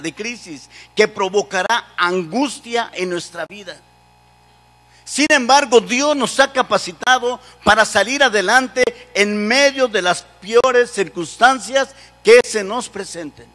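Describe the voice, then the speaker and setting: A man's voice: sits high, pushed and bright, long reverb tail. A man preaching a sermon with passion and urging the congregation to repeat phrases after him. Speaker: pastor.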